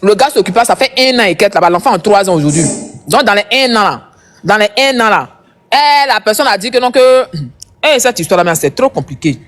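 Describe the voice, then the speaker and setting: A woman's voice: mid-range voice, animated, a little fast. A woman doing casual live commentary as a gossip streamer, chatty and repetitive, talking straight to her viewers.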